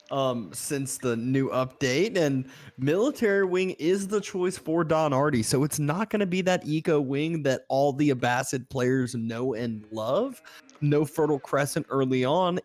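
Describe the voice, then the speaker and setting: A man co-casting an esports match, analytical and rambling, with many filler words. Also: fairly high pitch. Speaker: co-caster. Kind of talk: esports commentary.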